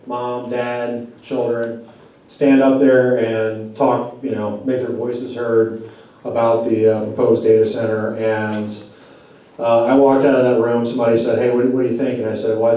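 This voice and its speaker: A man's voice: mid-range voice, warm tone. Man addressing a forum in an echoey hall. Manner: conversational, loose and digressive. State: losing his voice. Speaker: advocacy group speaker at a community forum. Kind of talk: public address at a community meeting. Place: church meeting hall. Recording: very echoey hall, voice far from mic.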